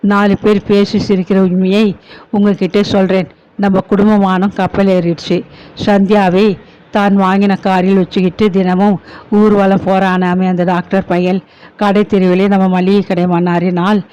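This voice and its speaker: Man reading angry scolding male relative, blunt, high voice, lo-fi storybook. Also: level tone, normal speed, darkish tone, clear, resonant tone, lightly acted. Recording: dull lo-fi recording.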